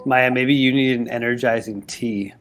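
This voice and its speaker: Role: game master. Sex: male. Style: casual chat and game narration. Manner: quick and halting, full of restarts. Mic: video call from home. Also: mid-range voice, steady tone. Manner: quick, halting talk with many restarts and fillers. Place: home in Halifax.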